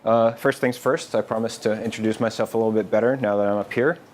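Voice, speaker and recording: A lower-pitched man from Finland talks a meetup audience through a developer presentation. His delivery is casual and loose, with plenty of "uh"s and restarts. A faint room hum sits behind him. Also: quick pace. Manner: relaxed, informal, with frequent fillers and restarts. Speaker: developer advocate giving a meetup talk. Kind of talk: conference tech presentation.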